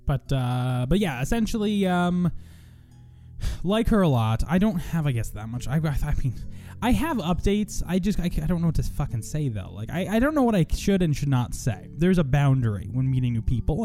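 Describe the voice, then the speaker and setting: A man's voice: on the high side, sing-song, fairly quick, warm tone, faint music behind. Rambling, profane man hosting a podcast. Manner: profane, rambling, self-mocking. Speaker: podcast host. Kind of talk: casual chat.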